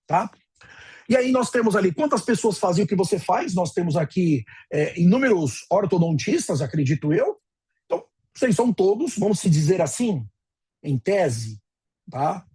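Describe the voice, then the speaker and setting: A man's voice: high voice, dark tone, husky. A Brazilian man in his forties giving a conversational webinar lecture as a dental practice consultant, checking in with his listeners often and telling personal stories. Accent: Brazilian Portuguese. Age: 40s. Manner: conversational, checks in with frequent tag questions, tells personal stories.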